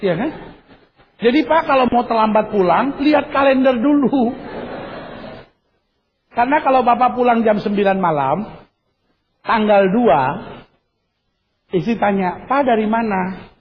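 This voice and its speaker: A male preacher with a high voice drives his sermon with rhetorical questions and emphatic, repeated phrases. The recording is dull and lo-fi, with a faint hiss underneath. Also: a little slow, long pauses. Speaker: pastor.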